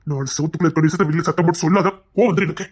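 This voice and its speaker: A woman's voice: low-pitched, steady tone, racing, a little mellow, breathy edge. A woman voicing an angry, dismissive husband in a Tamil audio drama, curt and threatening.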